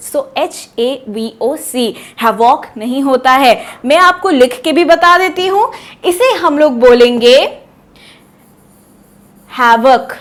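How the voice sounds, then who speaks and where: A woman leads an online pronunciation lesson. She quizzes her viewers playfully and stretches out key words to stress them. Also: sits high. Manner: lively and teasing, quizzes the viewers, drawn-out emphasis on words. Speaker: English teacher.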